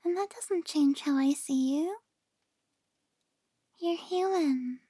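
A tender girlfriend played by a woman in an ASMR role-play, right in the listener's ear. Her voice is soft and mellow, very unhurried, in a dry, intimate space. She soothes and reassures like a partner easing someone to sleep. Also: high-pitched, no room sound. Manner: slow, gentle, soothing. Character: tender, reassuring female partner lulling a loved one to sleep.

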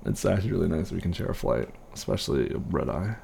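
A man playing an easygoing airline pilot, chatting casually and haltingly with a colleague in a one-sided role-play. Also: low voice, animated, creaky, warm tone, slight background noise, exaggerated voice. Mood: friendly, excited. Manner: casual, halting, reassuring co-worker chat.

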